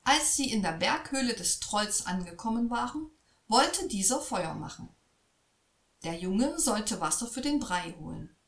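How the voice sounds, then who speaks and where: A woman reading a fairy tale aloud in a slow, expressive storytelling voice. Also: mid-range voice. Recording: echoey room.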